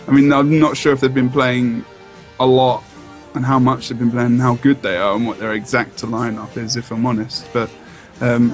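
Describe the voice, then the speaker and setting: A man co-commentating an esports match, giving loose, casual analysis with frequent restarts. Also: mid-range voice. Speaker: esports co-caster.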